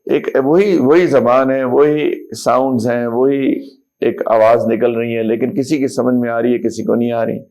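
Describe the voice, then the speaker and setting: A man's voice: medium pitch, fairly even intonation, warm tone. A middle-aged man, an Islamic scholar, giving a motivational talk to young people, asking rhetorical questions and reciting verses. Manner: rhetorical questions, mixes English words, recites Quranic verses. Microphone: speaker system to a live audience.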